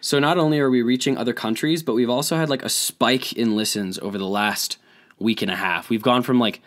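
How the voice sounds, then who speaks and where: A young man hosting a casual podcast chat, hoarse from bronchitis, with a low husky voice and a joking, self-deprecating manner. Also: brisk. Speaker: podcast host.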